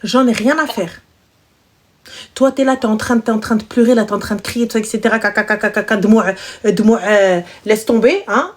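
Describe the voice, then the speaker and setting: A woman hosting a live stream, chatting casually and teasingly with callers, switching between languages. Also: brisk. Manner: animated, mixes French with Arabic and English, mocking shrill imitations.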